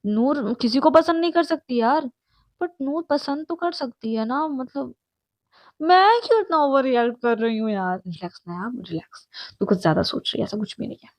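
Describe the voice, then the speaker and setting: A woman's voice: high voice, animated, measured pace, no echo. Woman doing a jealous, flustered young woman. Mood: fretful. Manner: sharp, fretful, scolding herself.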